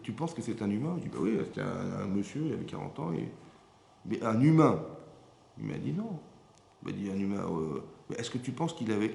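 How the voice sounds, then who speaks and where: A low, gravelly male voice fills an echoey room with a faint hum behind it. He is a rabbi giving a Torah lesson. He keeps turning to his listeners to make sure they are following him. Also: mellow. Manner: keeps checking with listeners, repetitive asides. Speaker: rabbi teaching a class.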